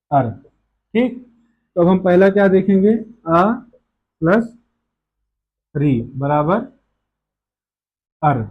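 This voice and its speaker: A man's voice: high-pitched, a little mellow, dull audio. A man teaching a grammar lesson, explaining step by step and answering his own questions.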